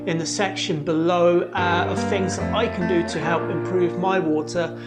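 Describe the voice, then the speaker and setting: A homebrewer hosting a how-to channel, talking through each step in a relaxed, explanatory way with plenty of ums and uhs. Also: medium pitch, normal speed, over loud music. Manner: relaxed, explanatory, many fillers. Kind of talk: casual how-to narration.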